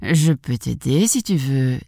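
A crafty male fox, put on by a woman reader with a lowered, smooth and coaxing voice. He speaks slowly and slyly, dry and close. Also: expressive, dark tone, dry recording, exaggerated voice. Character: sly cunning male fox.

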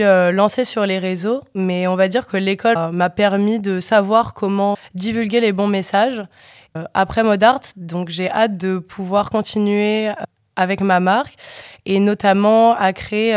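A young woman in her twenties, a fashion student, talking casually and filling her pauses with hesitations. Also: mid-range voice, clean tone, no echo, studio quality. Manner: chatty, many fillers. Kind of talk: casual spoken testimony.

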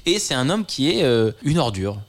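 A man hosting a casual chat about film history, speaking thoughtfully and often pausing on hesitation sounds. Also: mid-range voice, sing-song.

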